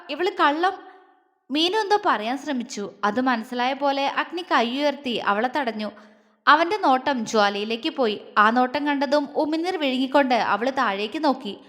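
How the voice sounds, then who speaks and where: A woman narrating a story and reading all the parts herself, in a lively manner. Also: sits high, normal speed, long reverb tail.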